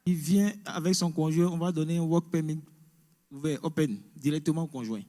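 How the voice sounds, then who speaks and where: In a large, echoing hall, a man leads an information session for immigrants. His voice is a little high yet mellow, and he moves a little fast as he walks through each point step by step, mixing English words into his French.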